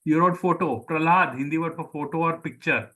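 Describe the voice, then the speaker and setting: An Indian-accented Hindi teacher whose first language is Sindhi leads an online lesson, repeating words for pupils and explaining as he goes. His somewhat high voice is a little fast, pushed and bright.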